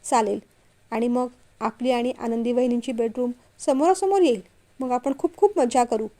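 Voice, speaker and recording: A gentle young woman from a storybook, soft and coaxing, quick to apologize, read by a woman. Her voice sits high and warm. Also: lightly acted.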